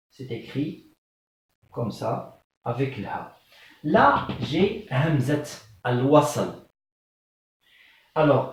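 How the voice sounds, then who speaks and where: An Arabic teacher explains the alphabet in French during a classroom lesson, patiently repeating terms slowly and checking understanding, with frequent "euh" and "d'accord?". His voice is fairly high-pitched, but he's off-mic and distant in a very echoey room.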